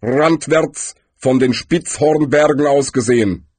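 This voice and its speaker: A man voicing Death as a calm, weary, unhurried figure in an audiobook. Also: medium pitch, husky, no room sound, pitched above the performer's own voice.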